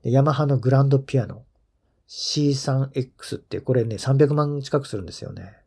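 A man hosting his own golf commentary channel, chatting casually, laughing often and trailing off into low murmured asides. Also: brisk, gravelly, darkish tone, husky.

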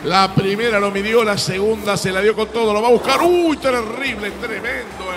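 An Argentine-accented man commentates on wrestling in excited play-by-play. His voice is high and emphatic, repeating key words, with loud music playing behind him. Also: brisk. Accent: Argentine Spanish.

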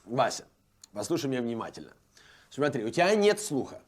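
A man's voice: medium pitch, sing-song, quick pace, natural voice. An actor playing a cynical, scheming pop producer who mocks his singer in scornful, sarcastic Russian, in a comedy sketch. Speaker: music producer.

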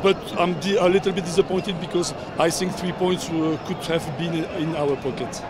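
An older male football coach gives a post-match press interview outdoors at a sponsor backdrop, surrounded by reporters holding a cluster of handheld mics and phones. His high voice has a steady tone and a barking press-scrum quality, with outdoor noise behind. His speech is halting, with many fillers and repeats and non-native phrasing.

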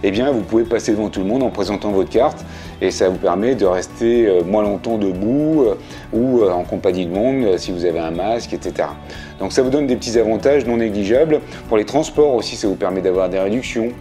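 A man in his fifties makes a casual explainer video from his living room, talking plainly and briskly with frequent fillers. His voice is lowish and dark-toned, with faint music in the background.

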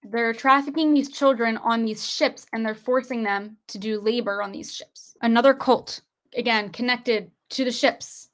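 Young woman, livestream host, slightly high voice, insistent, rhetorical questions, webcam at a desk. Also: fairly even intonation, normal speed. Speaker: online show host. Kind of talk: conspiracy commentary livestream. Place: indoors at a desk, screen-sharing.

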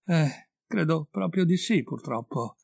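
A man's voice: fairly high pitch, expressive, unhurried, vocal fry, a little mellow, dry recording, studio quality, voice pushed up, full character voice. A man voicing a frightened young farm girl who whimpers timidly, in a story reading. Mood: whimpering.

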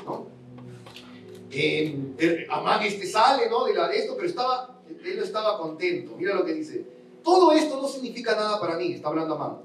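High-voiced male pastor preaching, echoey church, mic a bit far, lots of repeating and questions to the crowd. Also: a little hiss or hum. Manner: storytelling, acts out voices of the king and Haman; emphatic repetition, rhetorical questions to the congregation. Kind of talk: sermon. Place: large church sanctuary. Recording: roomy church sound from a distance.

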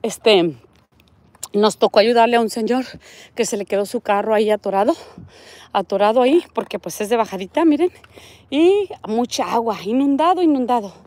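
On a walking vlog, a middle-aged Mexican woman chats casually, reading viewer comments and pointing things out as she films on her phone along a residential desert street. Her voice is a little high, a little mellow and expressive, at a normal pace, with no room sound.

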